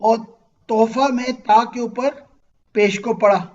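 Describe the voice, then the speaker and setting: Male teacher, patient and questioning, fairly high voice, slightly dull call audio. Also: fairly even intonation, slow. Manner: patient, asks students questions and checks understanding. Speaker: Arabic grammar teacher. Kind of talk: online interactive class.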